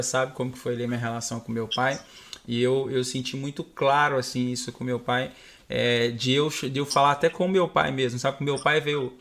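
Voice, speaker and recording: A young man tells a heartfelt personal story in an earnest, halting way, often restarting his sentences. His voice has a gravelly fry at mid pitch. He speaks over a home webcam setup. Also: a bit bright. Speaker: guest sharing personal testimony. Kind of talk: live-streamed conversation, personal testimony.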